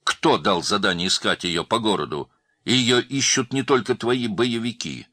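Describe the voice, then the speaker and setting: A man voicing a calm, measured male police lieutenant colonel in a story reading. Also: lowish voice, no room sound, voice pushed up. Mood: pressing.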